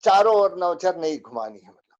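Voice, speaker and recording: A man's voice: sits high, sing-song, normal speed, dull audio. A man teaching a spoken religious lesson, going through a list of rules with many fillers.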